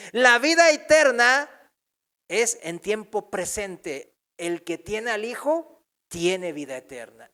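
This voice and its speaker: A male pastor teaching a Bible sermon in a church, emphatic, asking his listeners questions and repeating key phrases. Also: sits high. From not from Mexico. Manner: loudness swings from strong to very soft.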